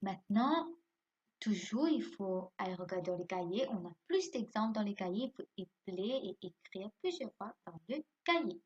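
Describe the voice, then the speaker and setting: A woman's voice: medium pitch, expressive, moderate pace, darkish tone, breathy edge, dull audio. A woman teaching young pupils from home, spelling out words letter by letter and quizzing them, then answering her own questions. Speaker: primary school teacher.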